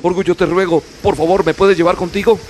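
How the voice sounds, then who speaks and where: A man's voice: high voice, steady tone, fast, darkish tone, slight background noise, voice pushed up, natural voice. A man voicing Love as a desperate, pleading figure in a spoken fable. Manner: begging, pleading.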